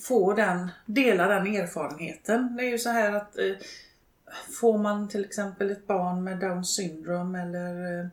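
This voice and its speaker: An older woman, speaking in a reflective interview and pausing often to search for words. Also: medium pitch, fairly even intonation. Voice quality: creaky. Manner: hesitant, halting, many pauses and fillers. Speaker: interviewee, widow and network co-founder. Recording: roomy, echoey room.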